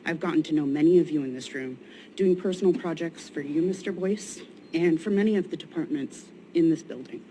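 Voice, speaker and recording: A woman's voice: sits low, brisk, dark tone. A woman giving public comment at a meeting, earnest and plain-spoken, with a tired, shaky voice. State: weary, shaky voice. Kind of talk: prepared public statement. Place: indoor public meeting room. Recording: noisy meeting room ambience.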